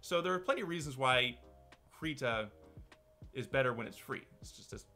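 A man's voice: mid-range voice, animated, moderate pace, creaky, bright, forceful tone, soft background music. A man hosting his own channel, talking casually to camera in a loose, rambling way with many restarts. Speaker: channel host. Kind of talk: casual talk-to-camera commentary.

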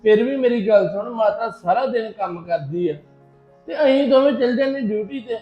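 Man doing a placating husband, high voice, echoey, dull sound, soft music. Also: normal speed, natural voice. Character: calm, scheming husband soothing his wife. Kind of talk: Punjabi family web drama.

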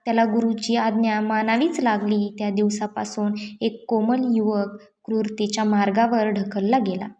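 A woman narrating a moral story in an earnest, measured storytelling voice. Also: mid-range voice, flat delivery, mellow, dull audio.

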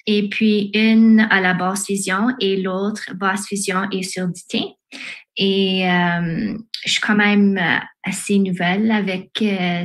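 A woman from Sudbury, Ontario, a parent, introducing herself carefully on a video call with fillers. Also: medium pitch. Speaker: parent on a committee.

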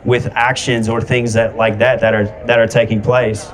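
A young man street preaching outdoors on a handheld microphone, arguing haltingly and repeating his words. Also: mid-range voice, level tone. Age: young adult. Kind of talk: street debate. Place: outdoor festival plaza.

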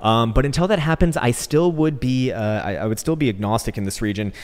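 A crypto trading channel host gives casual, rambling market commentary full of jokey, coarse slang. His medium-pitched voice is brisk, echoing around a bare, hard-walled indoor room like a warehouse.

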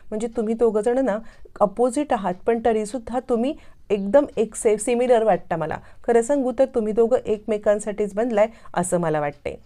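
A woman's voice: a little high, normal speed, warm tone, pitched above the performer's own voice, natural voice. A woman voicing a caring young man who speaks earnestly and reassuringly to his sister-in-law.

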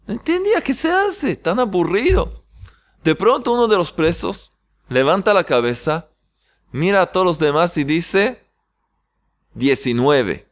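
A man leads a weekly religious lesson and tells a joke along the way. His voice sits fairly high and swoops about with lively pitch. He talks in a slow, unhurried way. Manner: animated storyteller, laughing at his own joke. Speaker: rabbi teacher. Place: yeshiva in Jerusalem.

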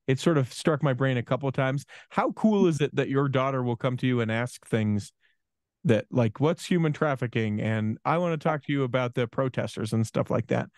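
A man in his forties talks things through on a podcast, pausing and restarting as he reflects. He sits at a studio mic, and the sound is dry and close with no room around it. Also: medium pitch, a little mellow, dry recording. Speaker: podcast co-host. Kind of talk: casual conversational chat. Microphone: studio microphone with headphones.

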